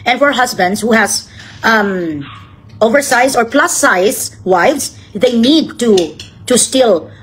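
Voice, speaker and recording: A woman's voice: fairly high pitch, animated, takes it slowly, fairly bright tone, a little hiss or hum, voice pushed down. A woman mocking a haughty woman scammer, speaking in a pompous, put-on posh tone mixed with English.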